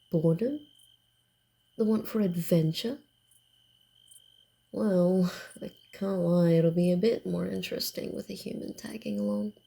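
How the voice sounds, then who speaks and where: A woman at medium pitch, with a gravelly texture, plays a wary vampire in a gentle ASMR scene, musing uneasily. Her delivery is dryly teasing, grumbling and hesitant, often falling to a whisper.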